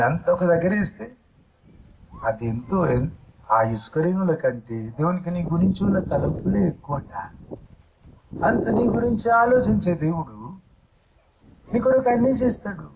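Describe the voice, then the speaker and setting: A man's voice: a little high, creaky, darkish tone, slight background noise, poor audio. A male pastor preaching a sermon, asking rhetorical questions and using everyday examples.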